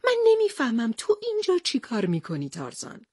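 A woman's voice: a little high, wildly swooping pitch, darkish tone, slightly rough, dry recording, clean studio sound, full character voice. A woman voicing a young male reporter hero in a storybook, earnest and plaintive.

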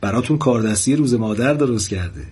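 A man voicing a cheerful grown son who runs a shop and talks in a hurried way, with a husky voice. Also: medium pitch, animated, a little mellow. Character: shopkeeper son, cheerful and eager.

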